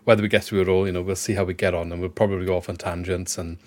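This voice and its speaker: A man's voice: low voice, level tone, racing. A man with a Swansea Welsh accent, hosting a podcast in a conversational way. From Swansea, Wales. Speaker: podcast host.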